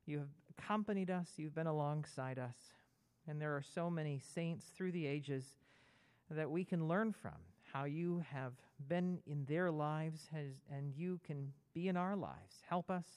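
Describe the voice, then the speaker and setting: Smooth-voiced minister, a man, leading prayer. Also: on the high side, darkish tone. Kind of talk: spoken prayer and welcome.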